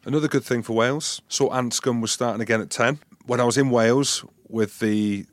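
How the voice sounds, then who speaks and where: A man's voice: mid-range voice, steady tone, brisk, no room sound. A man co-hosting a podcast, joking and asking playful questions in casual rugby chat. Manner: joking, quizzical, playful asides. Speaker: podcast co-host.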